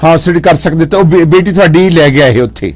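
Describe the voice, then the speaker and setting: Man, radio host, fairly high voice, probing, mixes in English. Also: quick pace. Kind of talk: radio call-in interview.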